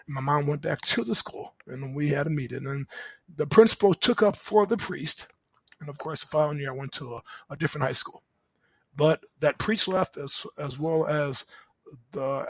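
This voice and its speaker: A middle-aged man hosting a podcast, telling his life story in a lively, conversational way, chuckling often. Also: fairly high pitch, vocal fry, slightly rough, no echo. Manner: animated, conversational, chuckles often, asks "right?". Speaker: podcast host. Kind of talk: personal storytelling monologue.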